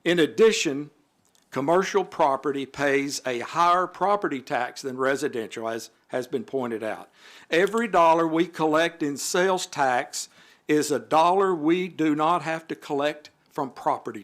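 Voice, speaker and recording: A man's voice: on the high side, a little slow, a bit bright. Man reading formal council remarks. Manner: formal, reads prepared remarks with occasional asides. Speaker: city alderman. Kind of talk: prepared remarks at a city council meeting. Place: city council chamber.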